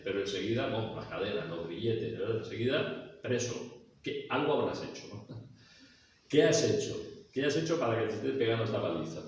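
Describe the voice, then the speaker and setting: Preacher echoing in a church hall. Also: male voice, lowish voice. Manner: reads scripture then explains it with rhetorical questions. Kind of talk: expository sermon. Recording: echoey hall, mic far off, faint background noise.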